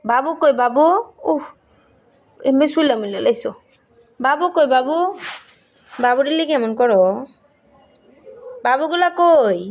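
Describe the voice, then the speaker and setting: A woman, softly pleading and coaxing her pet outdoors at night, repeating herself. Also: sits high, lively intonation, unhurried, long pauses. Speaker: pet owner.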